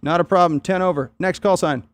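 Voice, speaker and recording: A man's voice: high-pitched, brisk. Man hosting a radio net, noisy background. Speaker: amateur radio net controller, host. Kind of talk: casual radio net check-ins with phonetic call signs.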